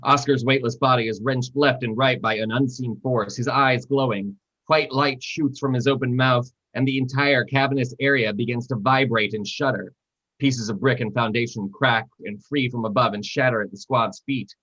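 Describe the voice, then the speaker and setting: A man narrating screenplay stage directions at a live reading, steady and descriptive. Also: medium pitch, moderate pace. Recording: dull lo-fi sound.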